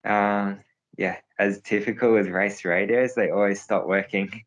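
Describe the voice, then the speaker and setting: Deep, flat-voiced young man, hesitant. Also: a little slow, rough recording. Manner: hesitant, many fillers and restarts. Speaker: interviewed pro cyclist. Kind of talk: casual interview answers.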